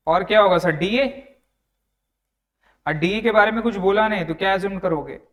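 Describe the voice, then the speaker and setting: A young male tutor, giving an online lecture that works through a problem step by step, talking conversationally and repeating each figure. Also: high-pitched. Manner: conversational, addresses students as "sir", repeats figures. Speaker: tax tutor.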